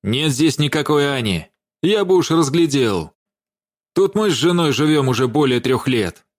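A man's voice: fairly high pitch, lively intonation, fairly quick, no room sound, voice pushed up. A man voicing a tall, blunt ex-husband who speaks brusquely and bossily. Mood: gruff. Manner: brusque, sighing.

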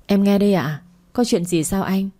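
A woman's voice: mid-range voice, normal speed, warm tone, natural voice. A woman reading the lines of a cheerful, shy young woman florist in a storybook, in a light way.

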